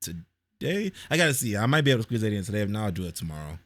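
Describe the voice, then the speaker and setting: A man's voice: fairly low pitch, big pitch swings, rapid-fire, over a noisy crowd. A man hosting a reaction video, talking in loose, slangy, casual commentary and swearing freely.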